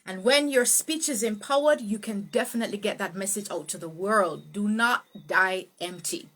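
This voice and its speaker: A woman teaching a live online speech tutorial, greeting viewers and swooping her pitch up and down to show emphasis. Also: normal speed, fairly bright tone. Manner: greets viewers by name, laughs easily. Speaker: speech coach.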